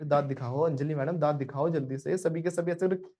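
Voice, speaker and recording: A man from India leads a live English class. His voice sits somewhat high for a man. He teases students by name and keeps them repeating phrases in a lively drill. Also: fairly quick. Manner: playful and joking, calls on students by name, prompts repetition. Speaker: spoken English teacher.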